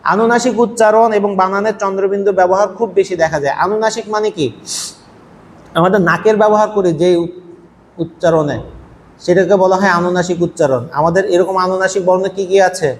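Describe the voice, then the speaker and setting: A man's voice: high voice, steady tone, a little fast. A man teaching a university language class, explaining patiently and asking his students rhetorical questions. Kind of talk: classroom lecture. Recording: faint noise, long hall echo.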